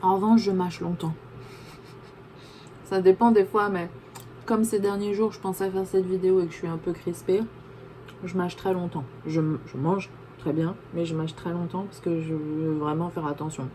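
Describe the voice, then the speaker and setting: A woman's voice: on the low side, little pitch movement, moderate pace, warm tone, slight background noise. A young woman vlogging at home, chatting casually and talking between bites of a sandwich. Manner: chatty, talks while chewing a sandwich. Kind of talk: casual chat while eating. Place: home room, backlit.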